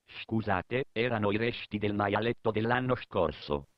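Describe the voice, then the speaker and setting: A man's voice: on the low side, measured pace, no room sound. A man with a Sardinian accent narrating a scripted comedy course as a mock instructor, peppered with profane cursing. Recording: dull, lo-fi dry recording.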